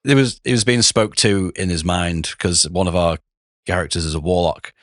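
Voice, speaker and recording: Deep rough guy w a sore throat, rambly podcast chat, dry mic. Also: steady tone, moderate pace, fairly bright tone, dry recording. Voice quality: rough, hoarse-sounding. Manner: rambling, with frequent restarts and "like". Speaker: podcast co-host, game master. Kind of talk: casual chat.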